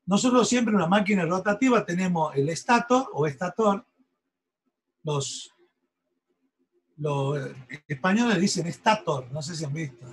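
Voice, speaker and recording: A male university lecturer teaches an engineering class. His voice sits high for a man and has a husky edge. He explains step by step and often pauses to check that the students are following. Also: poor audio. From Argentina.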